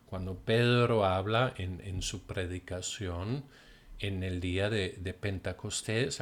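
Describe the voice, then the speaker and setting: A male pastor teaching in a sermon, slow and deliberate, explaining with pauses and examples. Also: on the low side.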